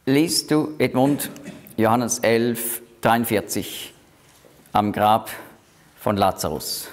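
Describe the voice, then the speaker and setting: A man leading a Bible study, explaining verses slowly and deliberately, with frequent hesitations. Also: medium pitch.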